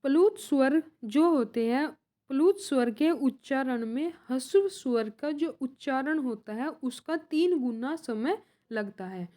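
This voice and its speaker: A young woman with a high, animated, mellow voice teaches an exam-prep grammar lesson. She goes slowly, posing a question and then answering it herself, repeating points in this question-and-answer way.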